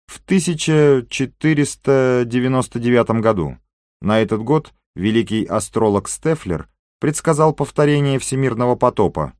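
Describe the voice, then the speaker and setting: A man voicing an excitable, talkative Frenchman in an audiobook, speaking with animated emphasis. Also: mid-range voice, no echo, studio quality, voice pushed up, lightly acted. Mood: lively.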